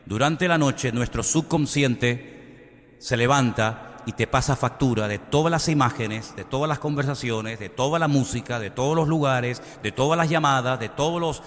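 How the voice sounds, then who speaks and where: A man's voice: moderate pace, in a large hall. A pastor preaching a sermon, reading scripture aloud with dramatic rises and drops in his voice. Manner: dramatic preaching with sudden swings in pitch and loudness.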